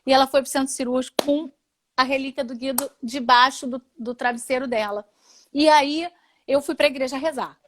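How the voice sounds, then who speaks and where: A woman with a Brazilian Portuguese accent gives an emotional personal testimony as an interview guest. She is an animated storyteller who acts out the people she quotes. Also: high-pitched, fairly quick.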